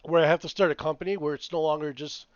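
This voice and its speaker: A man in his late thirties co-hosts a podcast, chatting casually while he swears and rants in a rambling, animated way. His voice is fairly high-pitched and he talks fast. The sound is dull, lo-fi, and dry, with no room sound.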